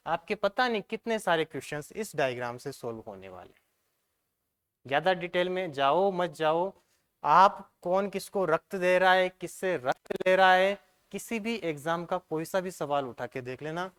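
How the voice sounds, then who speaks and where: A male teacher runs an exam-prep science lesson, asking questions, answering them himself, and often checking that things are clear. His voice sits high with a fairly bright tone.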